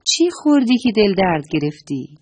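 A wise male owl, the forest doctor, gives gentle, lecturing advice in a children's storybook voice, as a woman acts him out. The breathy delivery swings widely in pitch. It sounds dry and close. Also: very animated, no echo. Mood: kindly.

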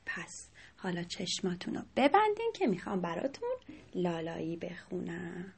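A woman telling a bedtime story to children, often dropping into soft whispers. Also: on the low side, lively intonation, gravelly, breathy edge.

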